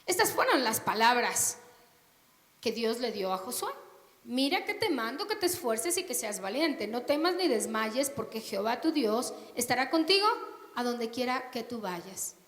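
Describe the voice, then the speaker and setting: A woman preaching a sermon, questioning her congregation and reading scripture with loud emphatic rises. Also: a little high, sing-song, moderate pace. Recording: echoey hall with long reverb.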